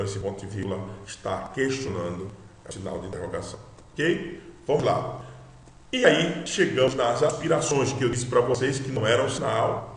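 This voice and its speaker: A man teaching a recorded video lesson. He explains patiently, repeats words slowly and keeps checking in with his listeners. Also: lowish voice. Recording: roomy echo.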